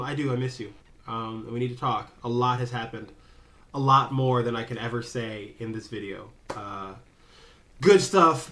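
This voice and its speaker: A young man records a casual personal vlog, talking straight to the camera. He rambles, stumbles over his words and cracks small jokes at his own expense. His voice sits at an ordinary middle pitch. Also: sharp tone. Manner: rambling, self-interrupting, jokey. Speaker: vlogger.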